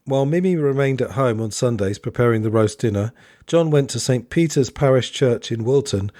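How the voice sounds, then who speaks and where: A man's voice: medium pitch, dark tone, no room sound, studio quality. A man hosting a podcast, chatting to listeners and reading passages aloud from a book. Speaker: podcast host.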